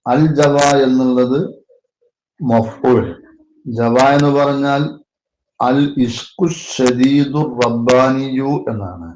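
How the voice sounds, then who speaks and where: A man with a Malayalam accent teaches in an unhurried, measured way, parsing each word carefully. His voice sits at an ordinary middle pitch. The room is echoey, with a faint hiss of noise underneath. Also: darkish tone. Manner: slow, deliberate parsing with Arabic terms. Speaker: religious teacher. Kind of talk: explaining classical Arabic poetry grammar.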